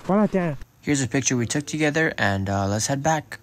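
A man's voice: mid-range voice, lively intonation, fairly quick, background noise. A man vlogging a road trip, chatting casually to viewers and calling them y'all. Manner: laid-back, addresses viewers as y'all. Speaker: travel vlogger. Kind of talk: casual chat to camera. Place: outdoors on a mountain road trip and in a car.

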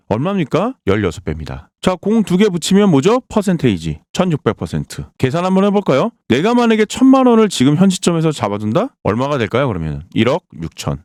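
Man, crypto sales pitch, rapid talk, pitch leaping up and down, dry close voice. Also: a little mellow, no room sound. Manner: emphatic, quizzes listeners with rhetorical questions and answers them himself. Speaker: crypto channel host. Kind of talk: sales-pitch chart walkthrough.

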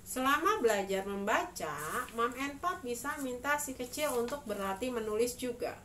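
A woman's voice: a little high, lively intonation, moderate pace, a bit bright, far from the mic. A woman in her thirties giving instructions to parents as a mother teaching reading, enunciating each phrase carefully. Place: small room at home, indoors. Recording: clear background noise, room ambience.

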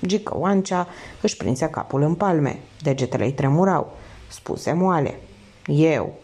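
A woman narrates an audiobook with expressive, lively reading. Her voice is mellow and warm. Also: low-pitched, slightly rough. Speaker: audiobook reader.

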